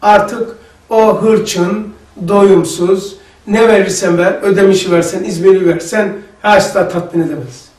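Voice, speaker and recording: Male religious teacher, high voice, lively storyteller, roomy sound from off-mic. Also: unhurried, far from the mic. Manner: lively storytelling, acting out dialogue. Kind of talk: religious lesson to a group. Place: lesson room.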